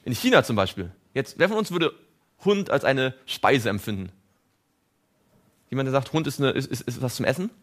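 Animated man preaching a sermon. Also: medium pitch, normal speed, pauses often. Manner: animated, asks audience questions.

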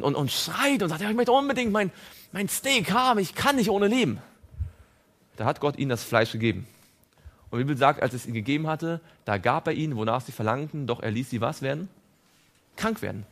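A man preaching a sermon, animated, often putting questions to his listeners. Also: medium pitch. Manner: animated, asks audience questions.

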